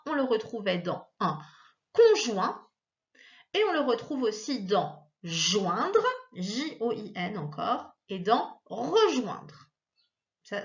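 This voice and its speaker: A woman's voice: mid-range voice, fairly bright tone, dull audio. A woman teacher leading a recorded reading lesson for children, patiently sounding out syllables one at a time. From France.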